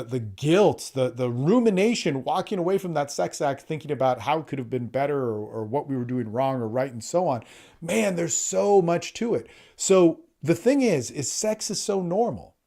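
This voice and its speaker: A man with a medium-pitched, darkish voice speaks at a moderate pace while hosting his own podcast as a coach. He's blunt and profane, frequently restarts words and acts out the quotes he relays.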